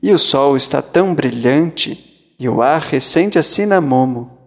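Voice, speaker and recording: A man's voice: a little high, animated, measured pace, long reverb tail. A man voicing a cheerful, oblivious father. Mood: joyful. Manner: gladly exclaiming.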